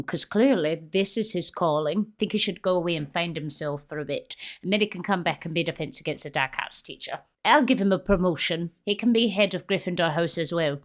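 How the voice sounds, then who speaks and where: A woman reacting to a film with crude, ranting comedy, talking in a put-on Scottish accent like a stern old teacher. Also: lowish voice. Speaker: reaction video host.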